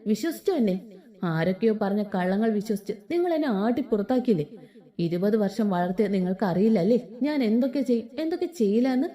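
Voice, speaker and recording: A woman voicing a wounded, defiant young wife who speaks with sharp scorn. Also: a little high.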